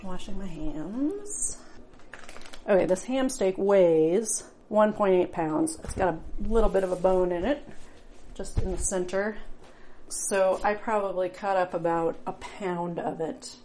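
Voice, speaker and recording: A woman's voice: on the low side, measured pace, dark tone, a little hiss or hum. A middle-aged woman talking casually while she cooks in her home kitchen, thinking aloud and chatting as she works. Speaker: home cook. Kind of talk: casual cooking vlog narration.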